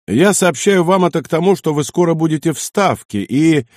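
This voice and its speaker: A man voicing a blunt, self-assured German SS general who talks in a gruff, commanding way. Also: a little high, lively intonation, a little fast, darkish tone, no echo, studio quality, voice pushed up, close to an everyday voice. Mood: urgent.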